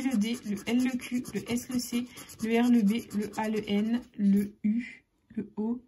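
A woman narrating her scratch-card session in a chatty vlog style, spelling out letters and sometimes dropping into soft half-whispers. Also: on the high side, slight background noise. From France. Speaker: YouTuber scratching lottery tickets.

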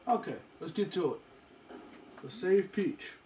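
Chatty high-voiced man narrating gameplay. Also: unhurried, low-quality recording. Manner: chatty, talks to himself while playing, excitable outbursts. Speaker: gameplay commentator. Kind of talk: casual let's-play commentary. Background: video game music.

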